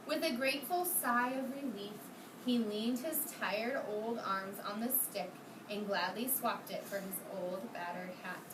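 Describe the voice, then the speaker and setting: In an indoor kindergarten classroom, a woman with a medium-pitched voice reads a storybook aloud at a measured pace. She keeps the children involved, asking them questions and praising them encouragingly. The recording sounds roomy and distant, with plenty of classroom noise.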